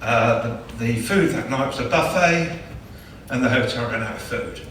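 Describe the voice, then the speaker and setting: Guy giving an award speech at a dinner, bright voice, super echoey hall. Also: medium pitch, normal speed, slight background noise. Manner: chatty, joking storyteller. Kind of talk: after-dinner presentation speech. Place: large banquet hall. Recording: echoey hall, distant mic.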